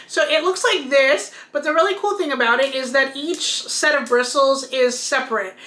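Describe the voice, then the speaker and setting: A woman in her thirties with a high, bright voice chats casually through a product review at home. She explains each item as she holds it up, and her voice carries some room echo. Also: moderate pace. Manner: chatty, explains while showing products. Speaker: beauty vlogger. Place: bedroom at home, indoors.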